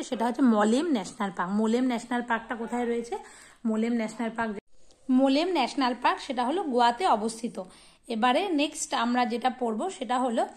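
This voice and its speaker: A young woman teaching a casual exam-prep lesson. She poses questions and answers them herself, and tosses in memory tricks. Her voice sits fairly high. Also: darkish tone. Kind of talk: informal geography lesson over a map.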